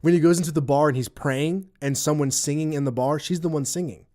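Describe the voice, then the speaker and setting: A man's voice: on the high side, fairly even intonation, fairly quick, dark tone. A man co-hosting a casual podcast, telling stories in a rambling way with many restarts and fillers. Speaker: podcast co-host.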